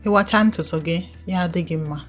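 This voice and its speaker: Low-voiced woman with an Igbo Nigerian accent. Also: rapid-fire, soft background music. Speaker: hair tutorial host. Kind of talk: instructional tutorial voiceover, casual.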